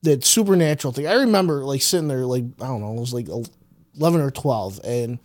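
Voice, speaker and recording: A man's voice: mid-range voice, lively intonation, fast, darkish tone, no room sound, clean studio sound. A man in his thirties, chatting eagerly on a podcast, rambling with many restarts. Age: 30s. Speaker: co-host. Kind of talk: casual podcast chat.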